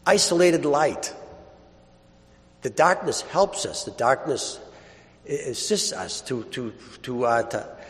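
Priest in a cathedral echo. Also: male voice, medium pitch, animated. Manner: measured, slows and drops at phrase ends. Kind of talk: liturgical gospel reading and homily. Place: large church. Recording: long cathedral-like church reverb.

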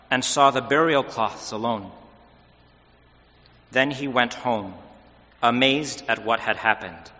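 A man delivering a solemn, formal liturgical scripture reading in measured phrases, with cathedral echo in a large church. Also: mid-range voice, sharp tone. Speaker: clergyman reading the Gospel at Mass.

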